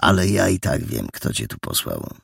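Man as a soft-spoken cunning stranger. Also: rumbling low, very animated, moderate pace, gravelly, breathy edge, no room sound, clean studio sound, heavily acted. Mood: coaxing. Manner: gentle, coaxing, then sharp.

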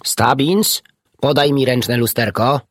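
Man voicing a calm, kindly animal doctor. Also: medium pitch, slow, no room sound, clean studio sound, voice pushed up. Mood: gentle. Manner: calm, reassuring, gentle. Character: kindly, unflappable old country doctor.

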